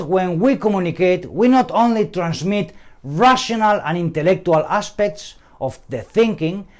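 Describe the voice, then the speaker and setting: A man giving a scripted training lecture on communication, working through numbered points deliberately with pauses. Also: sits high.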